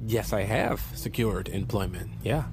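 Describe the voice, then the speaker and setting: An actor playing a glib, evasive young male slacker in a comedy, rambling and stammering in a deadpan way. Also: lowish voice, measured pace, noisy background. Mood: evasive, nervous. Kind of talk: comedy film acting.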